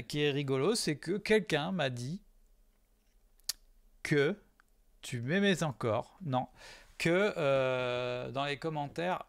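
A man's voice: fairly high pitch, creaky, dry recording, studio quality. A man casually commenting live on his own video, hesitant with lots of fillers and self-mocking jokes.

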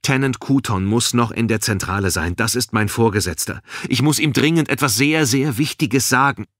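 A man voicing a panicky young translator who pleads and shouts in a high, strained voice. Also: normal speed, no echo, clean studio sound, lightly acted. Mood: pleading. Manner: frantic, pleading.

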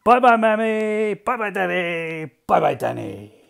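A man voicing an excited, tearful small boy in a high squeaky voice. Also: fast talker, vocal fry, heavily acted.

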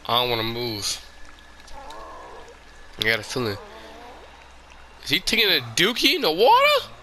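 A man's voice: medium pitch, huge pitch swings, moderate pace, sharp tone, a little hiss or hum. A man giving casual, slangy commentary on a horror game, talking informally to the game and viewers.

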